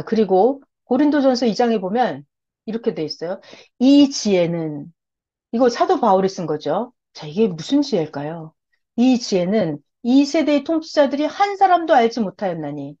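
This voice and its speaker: A woman's voice: a little high, warm tone. A woman giving a Bible lecture in sermon style, firing rhetorical questions and answering them herself with emphatic repetition. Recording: dull lo-fi recording.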